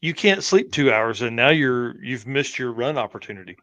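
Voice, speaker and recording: A man's voice: medium pitch, normal speed, a bit bright, dry recording, lo-fi sound. A man hosting a casual interview, mostly giving brief listening replies and short comments.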